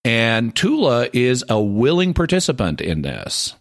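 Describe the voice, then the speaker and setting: A man co-hosting a podcast, explaining a point at length in casual discussion and growing animated as he argues it. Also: mid-range voice, unhurried, no echo, clean studio sound. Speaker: podcast co-host.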